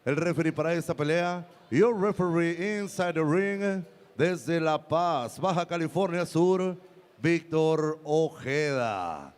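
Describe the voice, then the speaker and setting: Male ring announcer, bilingual English, high voice, lucha-libre showmanship, elongated names. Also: lively intonation, unhurried. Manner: showy, stretches out names and titles.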